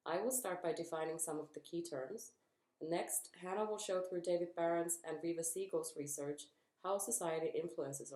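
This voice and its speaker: A young woman, a student reading her part of a group presentation in a measured, formal way. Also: deep voice, darkish tone. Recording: echoey room.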